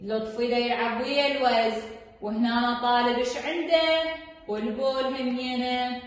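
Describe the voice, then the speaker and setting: A young woman with an Iraqi Arabic accent teaching young children letters, with slow sing-song repetition, call and response, and frequent praise. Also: a little high, fairly even intonation. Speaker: primary school teacher. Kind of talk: classroom phonics lesson with call and response. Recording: echoey room, distant mic.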